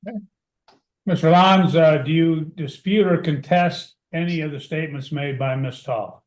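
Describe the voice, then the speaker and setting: A man plays a judge in formal court proceedings, asking questions in procedural, formulaic language. His voice sits on the high side at a moderate pace. The sound is roomy, with a noticeable echo.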